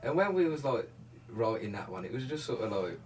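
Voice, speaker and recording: A band member chatting in a radio interview, rambling with lots of fillers. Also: male voice, medium pitch, very animated, a little fast. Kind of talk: casual interview chat. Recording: distant mic with noisy room.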